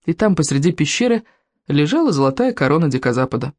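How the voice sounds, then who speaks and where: An audiobook narrator reading a children's adventure story with lively, expressive storytelling. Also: medium pitch, fast, dry recording, studio quality.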